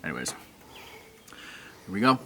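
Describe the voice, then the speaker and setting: A man's voice: moderate pace, sharp tone, slight background noise. A man from Canada hosting a casual outdoor cooking vlog, upbeat and full of slang. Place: outdoors on a beach.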